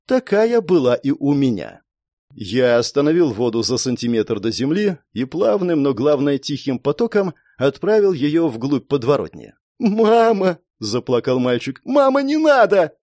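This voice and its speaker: Young male narrator, lively delivery, slightly high voice, dry close sound. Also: normal speed, dry recording. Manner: expressive, animated storytelling. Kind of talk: audiobook narration.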